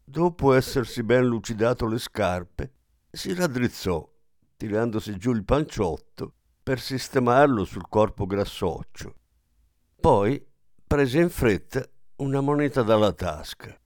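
A man narrating a literary story in a measured, even manner. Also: medium pitch, dry recording, clean studio sound.

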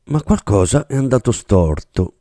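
A man's voice: medium pitch, very animated, normal speed, dark tone, no echo, clean studio sound, pitched above the performer's own voice, close to an everyday voice. A man doing a pressing investigator. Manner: pressing, questioning. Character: probing male investigator, pressing.

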